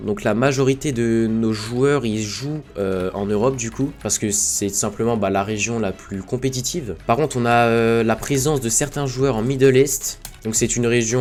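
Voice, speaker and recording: A man's voice: fairly low pitch, a little mellow. A young man casually commenting while he plays a video game, rambling with lots of fillers and gamer slang as an esports team's content creator.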